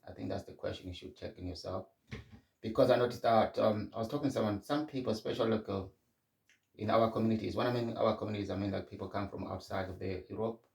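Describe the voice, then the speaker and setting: A man's voice: fairly low pitch, creaky, darkish tone, echoey room, recorded from a distance. A middle-aged man from Zimbabwe hosting a podcast, talking candidly in a reflective solo monologue. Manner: candid and conversational, frequent restarts. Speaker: podcast host.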